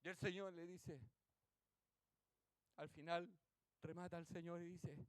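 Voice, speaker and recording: A man's voice: high voice, measured pace, no room sound. A male pastor with a Chilean accent giving a sermon in a church, telling stories and asking the congregation rhetorical questions. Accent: Chilean Spanish. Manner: animated storytelling with rhetorical questions.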